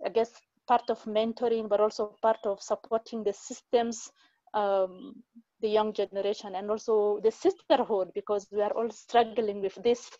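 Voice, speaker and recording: A woman in her forties from Mali, making an earnest, halting comment over a video call with many fillers. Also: mid-range voice, level tone, dark tone, dry recording, dull audio. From Mali, West Africa. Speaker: audience participant in online talk.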